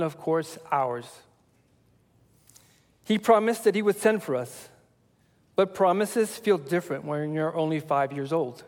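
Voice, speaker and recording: A man in his forties from El Salvador, sharing a personal testimony with his church family in a reflective, measured way with frequent fillers. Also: sits high, big-room sound.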